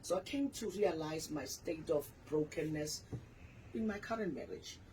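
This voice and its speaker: A woman's voice: low voice, expressive, moderate pace, a little mellow, a little hiss or hum, poor audio. A woman in her forties, a pastor and author, candidly telling her personal story in a radio interview. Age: 40s.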